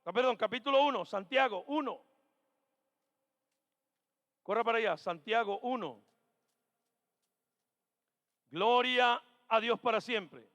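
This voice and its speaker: A man with a very high, ringing voice, preaching as pastor to his congregation. He swings between hushed murmurs and shouted calls, echoing key phrases back. The sound carries a long reverb from the church hall. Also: slow pace, long pauses. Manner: acts out doubting churchgoers' questions; repeats key phrases for emphasis. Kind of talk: Pentecostal sermon. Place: church sanctuary.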